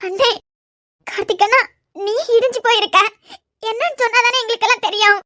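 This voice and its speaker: A fretful cartoon auntie, as a performer puts her on, with a very high, bright, tense voice that rattles off rapid, anxious pleas in a Kanyakumari Tamil accent. The sound is dry and close. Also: fairly even intonation, no room sound. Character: fretful middle-aged woman relative, anxious. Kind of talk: cartoon voice acting.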